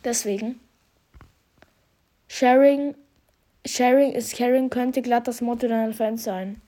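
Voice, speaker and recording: A young host with a slight head cold and a stuffy nose talks casually through a year-in-review, reading out statistics in youthful slang. He speaks slowly, with a mid-range, dark voice and a steady tone.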